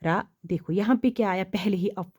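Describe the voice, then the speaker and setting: A woman teaching shorthand, explaining step by step, asking questions and answering them herself, and reading rules slowly. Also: mid-range voice, husky. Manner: reads English rule text slowly and deliberately; drops to quiet, trailing asides while writing outlines. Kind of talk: classroom explanation.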